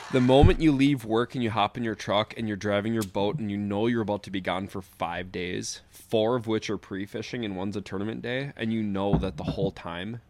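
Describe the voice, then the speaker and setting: A man chatting casually on a podcast, easygoing and quick to laugh. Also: on the low side, slight background noise. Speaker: podcast guest. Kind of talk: casual chat.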